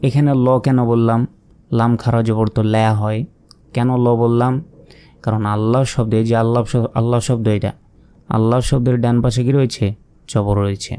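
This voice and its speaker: A man teaching Quran reading step by step, patiently asking questions and answering them himself, and slowly drawing out the syllables he recites. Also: medium pitch, little pitch movement, warm tone, clean tone. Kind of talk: step-by-step spelling lesson.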